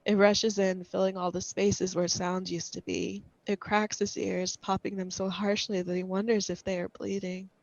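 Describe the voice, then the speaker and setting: A woman reading a scripted horror story aloud in a measured, suspenseful way. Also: mid-range voice, level tone, creaky, no echo, dull audio.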